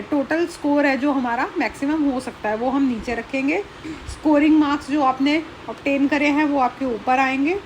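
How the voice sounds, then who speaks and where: High pitched woman teacher, patient, keeps checking in, counts stuff out loud, bit of hiss behind. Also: rough recording. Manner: explains patiently with frequent checks like "ठीक है"; counts items aloud one by one. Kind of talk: classroom math lesson.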